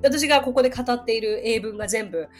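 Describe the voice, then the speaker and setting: A woman's voice: fairly high pitch, fairly quick, faint music behind. A woman hosting a podcast English lesson, chatty and friendly, with laughs between her explanations.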